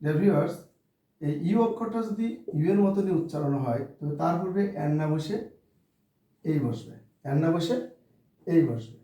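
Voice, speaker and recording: A man teaches a beginners' English lesson in a slightly high, mellow voice. He spells words out letter by letter and asks questions that he answers himself. He is far from the microphone, in a strongly echoing room. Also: animated, normal speed, long pauses. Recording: distant mic in a very echoey room.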